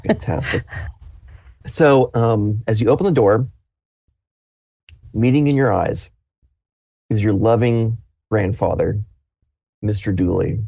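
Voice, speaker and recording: A man narrates a tabletop game as game master. His voice is mellow and dark, and his delivery is relaxed and loose. The sound is dry and close. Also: fairly low pitch, slow, creaky, long pauses, no echo. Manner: relaxed, filler-heavy narration.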